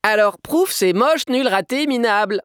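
A man's voice: big pitch swings, no echo, clean studio sound, heavily acted. A man doing a squealing, gleeful little girl. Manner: shrill, squealing, drawn-out. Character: little girl, about seven, gleefully blunt.

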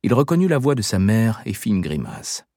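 A man narrates a novel in a low voice. His intonation moves widely through the sentences. The recording is very dry and close. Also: big pitch swings, fairly quick, warm tone, no room sound. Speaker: audiobook narrator. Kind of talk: scripted narration.

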